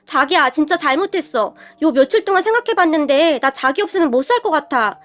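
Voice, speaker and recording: A man's voice: very high-pitched, expressive, brisk, bright, forceful tone, heavily acted. A woman voicing a petty, short-tempered young husband who turns whiny and pleading.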